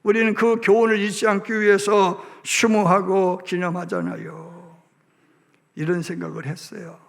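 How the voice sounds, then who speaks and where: High, gravelly preacher in a hall. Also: male voice, measured pace. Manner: animated storytelling that acts out voices. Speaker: pastor. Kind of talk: sermon. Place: church sanctuary. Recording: reverberant church sanctuary.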